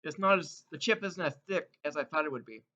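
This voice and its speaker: A bright, high-voiced man briskly reviews crunchy snacks for viewers in a casual vlog, eating chips between his remarks. The lo-fi recording sounds dull and muffled.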